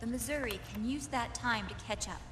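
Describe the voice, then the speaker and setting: A woman's voice: a little high, fairly quick, close to an everyday voice. A woman playing a grave, commanding officer who leads a mission briefing in a video game. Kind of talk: scripted video game voice acting. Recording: long hall reverb, music behind.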